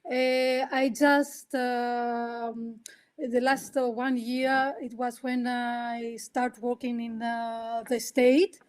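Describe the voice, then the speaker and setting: A woman's voice: fairly high pitch, little pitch movement, extremely slow, darkish tone, clear, resonant tone. A woman who is a chief winemaker presenting in an online seminar over a video call, speaking hesitantly with fillers.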